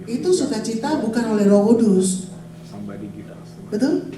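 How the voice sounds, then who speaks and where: A woman in her forties, a pastor preaching a lively sermon and calling out to her congregation. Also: on the high side, unhurried, a crowd in the background. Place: church hall. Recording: echoey hall, voice from far off.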